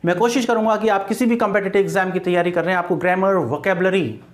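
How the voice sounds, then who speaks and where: A man's voice: sits high, fast. Man, exam-prep lecture, spells words letter by letter, repeats key words. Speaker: English grammar teacher.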